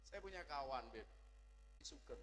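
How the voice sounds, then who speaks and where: A man's voice: medium pitch, animated, normal speed, a bit bright, in a large hall, a little hiss or hum. A middle-aged man preaching a humorous sermon, joking and mimicking regional dialects.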